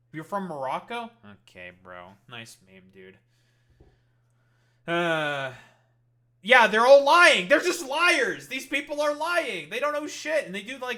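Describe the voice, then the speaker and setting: Guy on stream ranting at clips, swears nonstop, high bright voice that swings all over. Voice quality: heated, sarcastic, swears constantly. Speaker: streamer reacting to videos. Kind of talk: profane rant commentary.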